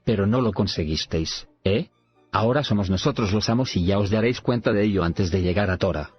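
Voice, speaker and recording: A man voicing a gruff, hostile male ship captain who barks contemptuous questions. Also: lowish voice, a little fast, no echo. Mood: scornful. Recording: dull lo-fi recording, faint music.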